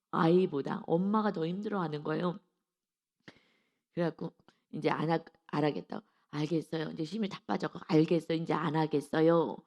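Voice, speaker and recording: Woman pastor, lowish voice, early-morning sermon, acts out the voices in her stories. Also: creaky, highs cut off. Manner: acts out quoted voices, swings from soft to loud.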